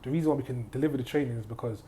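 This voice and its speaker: A man talks quickly and confidently in a casual podcast chat, sharing advice on investing. His voice is dark and mellow, and he often repeats his points and asks whether you follow him. A faint noise sits under the recording. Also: medium pitch. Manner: confident, advisory, repeats key phrases; checks in with "do you get what I mean". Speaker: guest, property investor and trainer.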